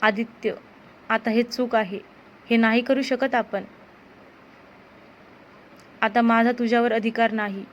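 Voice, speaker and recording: A woman's voice: a little high, steady tone, takes it slowly, long pauses, lo-fi sound, slight background noise. A woman playing a torn young woman lover. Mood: reproachful. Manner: soft, pleading.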